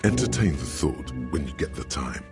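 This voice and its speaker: A man narrating a game in a measured, sardonic storytelling manner. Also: rumbling low, sing-song, vocal fry, darkish tone, soft background music, heavily acted.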